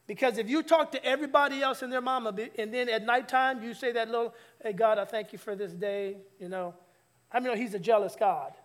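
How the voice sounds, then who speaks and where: A man preaching a conversational sermon in church, teasing the congregation and calling for their replies. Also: very high-pitched. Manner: lively, teasing, calls for audience replies. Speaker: pastor. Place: church sanctuary.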